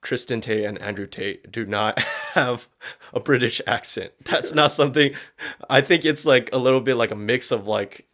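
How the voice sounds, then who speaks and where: With a fairly bright, medium-pitched voice at a moderate pace, a male podcast host gives casual, opinionated commentary full of slang and cursing.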